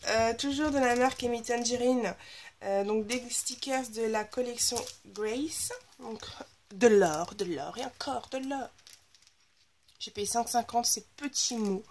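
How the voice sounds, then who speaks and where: Gushing over her purchases, a scrapbooking vlogger chats enthusiastically through a casual haul video about new craft supplies. Her voice is on the high side and slightly nasal, as though a bit blocked, and there's a little hiss or hum.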